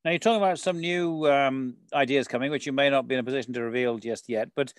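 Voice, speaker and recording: A man with a medium-pitched voice hosts a conversational interview. He sounds dry and free of room echo, and asks chatty, meandering questions. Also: fast talker, clean tone. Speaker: interviewer, local show host.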